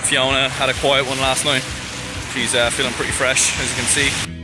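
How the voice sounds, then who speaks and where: Upbeat lad vlogging to camera. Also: male voice, medium pitch, flat delivery, normal speed. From Ireland. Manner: upbeat, slangy, swears casually. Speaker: travel vlogger. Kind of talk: casual vlog narration. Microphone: handheld camera at arm's length. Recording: loud music bed under the voice.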